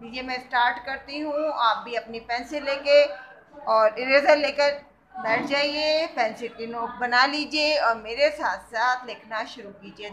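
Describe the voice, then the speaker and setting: Patient woman teacher; high-pitched, slow and deliberate, walks children through letters. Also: pushed and bright, slight background noise. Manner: slow, patient, spells out letters and asks questions. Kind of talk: kindergarten Urdu writing lesson.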